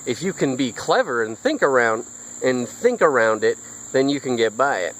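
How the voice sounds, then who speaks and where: A man's voice: mid-range voice, very animated, moderate pace, fairly bright tone, a little hiss or hum, low-quality recording. A man vlogging outdoors in a backyard, retelling a fairy tale in a rambling way with false starts. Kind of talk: casual storytelling vlog.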